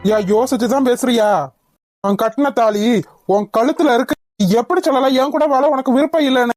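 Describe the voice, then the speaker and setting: A woman's voice: high-pitched, fairly quick, darkish tone, no echo, clean studio sound, faint music behind. A woman voicing a bumbling young husband in a cartoon, flustered and muttering to himself as he tries to win back his wife. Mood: pleading. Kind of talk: cartoon voice acting.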